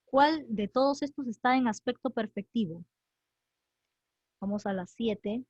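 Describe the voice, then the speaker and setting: A woman's voice: fairly high pitch, measured pace, husky, dry recording, dull audio. A woman teacher giving an online grammar class, quizzing students by name and repeating conjugations aloud.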